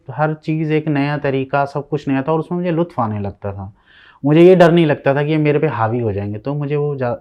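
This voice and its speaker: Soft-spoken, hesitant male poet. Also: a little high, highs cut off. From Himachal Pradesh, India. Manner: soft-spoken, hesitant, trails off and pauses often. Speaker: poet, interview guest. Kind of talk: reflective interview answers.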